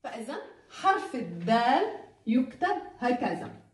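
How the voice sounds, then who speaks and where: A woman teacher with a Levantine Arabic accent gives a recorded lesson to young children, her voice high and bouncing with lively, sing-song swings in pitch. She stretches each letter sound slowly and showers the pupils with encouragement. She sits back from the mic in an echoey room. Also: distant mic, soft background music. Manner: slow, drawn-out enunciation of letter sounds.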